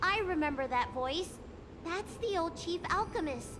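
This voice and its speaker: A woman's voice: extremely high pitch, animated, normal speed, noisy background. A woman voicing a childlike, easily startled young girl character in a video game. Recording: music playing behind the voice.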